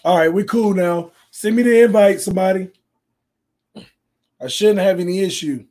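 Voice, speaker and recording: A sports channel host runs a casual livestream from a small room at home packed with fan decor, setting up a game as he goes. His voice is high and his pace normal, but he keeps it quiet to spare a voice he's losing, reading chat aloud into a desk mic on a stand.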